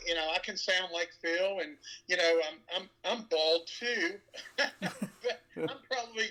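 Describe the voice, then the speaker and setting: A nasal-voiced man from West Virginia, frontman of a tribute band, chats casually as an interview guest, rambling with many fillers. His voice is high-pitched, pushed and bright, and a little slow. The recording quality is low.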